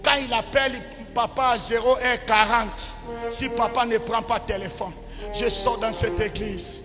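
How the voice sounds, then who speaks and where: A male pastor preaching a sermon, swinging between loud shouted cries and quiet asides. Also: extremely high pitch, fairly even intonation, a little slow. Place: large church hall. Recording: church hall reverb with music. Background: music.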